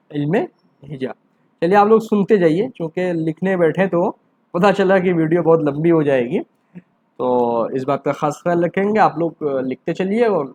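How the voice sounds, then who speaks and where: With a darkish tone, a man teaching Urdu grammar for an exam asks questions he then answers himself. His delivery swings up into emphatic questions and falls back down low.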